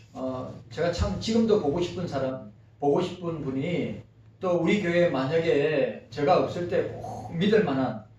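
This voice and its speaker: A man's voice: a little high, darkish tone, slight background noise. A male pastor preaching a sermon, reading a text aloud and asking the congregation questions in between. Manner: conversational, asks the congregation questions. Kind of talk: sermon with read-aloud passage. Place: church sanctuary. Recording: echoey, distant, dull sound.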